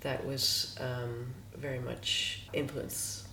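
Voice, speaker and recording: Speaking slowly in a flat, rumbling low voice with a sharp edge, a woman chats casually as a guest musician in an interview. She's from Los Angeles, grew up speaking Hungarian, and is recorded in an echoey room with a little hiss or hum.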